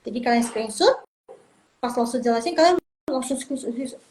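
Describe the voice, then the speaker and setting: A woman teaches beginners Mandarin in a relaxed livestream. Her voice sits a little high, and she chats freely while repeating words to drill them. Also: normal speed, slight background noise, poor audio. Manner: chatty, repeats and drills pronunciation.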